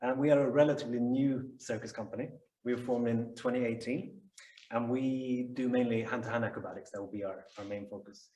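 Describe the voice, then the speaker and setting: Man, circus artist; steady scripted read; distant, echoing stage sound. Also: medium pitch, fairly quick, highs cut off. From Sweden. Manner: steady, read-aloud delivery. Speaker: circus performer pitching a show. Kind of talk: reading a prepared pitch. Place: arts centre stage before a live audience. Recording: echoey hall from far off.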